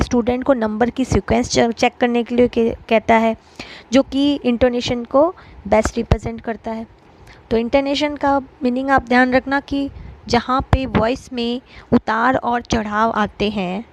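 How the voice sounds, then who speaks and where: Over poor audio with a faint hiss underneath, a woman with a somewhat high voice gives an exam-prep lesson. She explains step by step with patience, frequently pausing on fillers.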